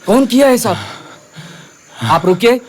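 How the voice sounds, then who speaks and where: A man's voice: very high voice, expressive, takes it slowly, a little mellow, heavily acted. An actor playing a worried male villager, calling out anxiously to help a hurt man. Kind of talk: Hindi film dialogue.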